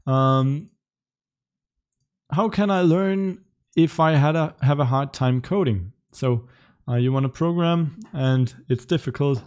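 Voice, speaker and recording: A Danish man in his twenties, a native speaker, sits in his room in front of a webcam answering chat questions on a livestream. He's relaxed and chatty, laughing lightly now and then. His voice is a little high, and he takes it slowly.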